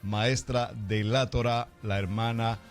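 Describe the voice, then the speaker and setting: Formal pastor hosting a radio show. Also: male voice, medium pitch, fairly even intonation. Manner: formal, warm greeting style, slow deliberate questions.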